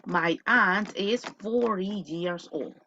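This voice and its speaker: A woman's voice: mid-range voice, a little hiss or hum. A woman teaching an online English class, mixing Spanish and English and drawing out example words. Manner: lively, switching between Spanish and English, drawn-out model words. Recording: lo-fi video call audio.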